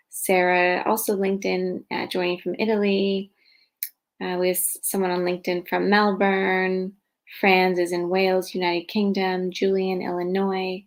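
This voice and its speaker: A woman hosting a live online meditation session, greeting viewers gently and unhurriedly with frequent filler sounds. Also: on the low side. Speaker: meditation teacher. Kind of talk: live-streamed guided meditation intro. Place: indoors at home.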